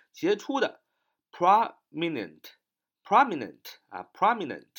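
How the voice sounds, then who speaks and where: A man teaching English vocabulary, spelling each word letter by letter, repeating it, and tagging his phrases with a drawn-out "ah". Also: mid-range voice. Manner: ends phrases with a drawn-out "ah" particle. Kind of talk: vocabulary lesson.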